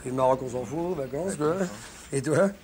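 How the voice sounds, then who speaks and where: Un acteur joue un employé de bureau sûr de lui, qui taquine et donne des ordres à ses collègues. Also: male voice, mid-range voice, normal speed, a little mellow, slight background noise, close to an everyday voice. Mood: bossy. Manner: teasing, bossy. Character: cocky, mocking office worker.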